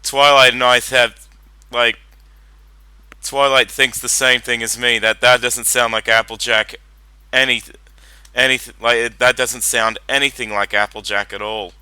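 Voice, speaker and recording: Bright, slow-paced man giving casual reaction commentary. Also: mid-range voice, little pitch movement, smooth, no room sound. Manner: rambling, repeats himself.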